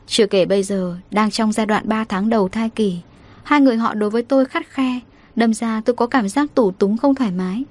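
A woman storyteller, narrating a first-person story in a steady, emotive reading. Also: a little high.

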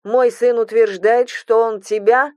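A woman voicing a cruel older mother-in-law who speaks slowly, coldly and with contempt, in a hissing, venomous manner. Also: fairly high pitch, fairly even intonation, a little mellow, no echo, lightly acted. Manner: slow, cold, hissing and contemptuous.

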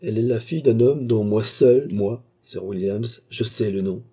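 A man's voice: on the low side, normal speed, dark tone, husky, voice pushed up. A man voicing a cold, scheming male baronet who dominates the man he is speaking to, in an audiobook reading. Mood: cold, commanding.

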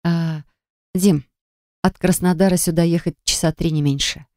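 A woman's voice: fairly low pitch, steady tone, moderate pace, mellow, dry recording, clean studio sound, natural voice. A woman voicing a proud, hurt young woman who speaks sharply and reproachfully. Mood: cold.

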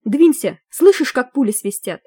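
A bossy shouting girl, as a woman narrator puts her on. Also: high-pitched, sing-song, moderate pace, slightly rough, no echo, studio quality, voice pushed up, heavily acted. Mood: scolding. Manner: scolding, shouting. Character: bossy hot-tempered teenage girl.

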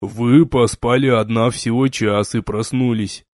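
Man doing a shy young crewman, slow and halting, a bit lower, dry mic. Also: steady tone, a little mellow, no room sound, close to an everyday voice. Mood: sheepish.

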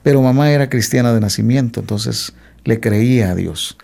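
Gravelly-voiced man telling his life story. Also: medium pitch, normal speed, mellow. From Mexico. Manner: hesitant, with frequent "eh" fillers and restarts. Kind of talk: testimony in an interview.

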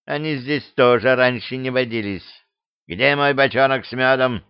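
A grumbling forest honey-gatherer with a sour, indignant edge, as a male narrator puts him on. Mid-pitched and plain, recorded dry with a dull, lo-fi tone. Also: normal speed, clean tone, no echo, natural voice.

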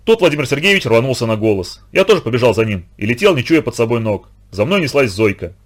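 A man narrating a children's story in an expressive, vivid way. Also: mid-range voice, quick pace.

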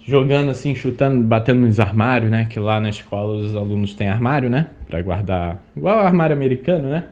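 A man's voice: mid-range voice, animated, brisk, a little mellow, muffled recording. A man from Brazil, a podcast host, telling a personal story in a chatty, indignant way. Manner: chatty, indignant, many fillers. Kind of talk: casual storytelling monologue.

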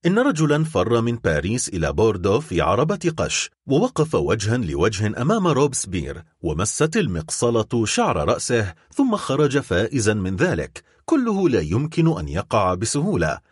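A man reads a mocking old plotter in a storybook recording, cold and taunting in a husky, low voice. His delivery swings widely in pitch. The sound is dry and close. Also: huge pitch swings, normal speed, no echo, exaggerated voice. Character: scornful old male Bonapartist conspirator, the father. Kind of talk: audiobook character reading.

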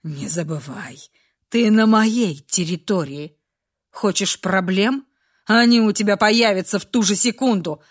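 A woman voicing a cold, possessive beast-man protector who speaks slowly and commandingly. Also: mid-range voice.

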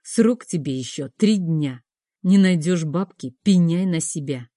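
Coarse thuggish gang boss, menacing, dark low voice, dry close sound, audiobook villain, as a woman reads him. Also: lively intonation, a little slow, no echo. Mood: threatening. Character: crude thuggish male gang leader, threatening.

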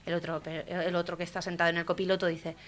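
A woman, hosting a radio comedy show, telling jokes lively and acting out the characters loudly. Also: on the low side, fast.

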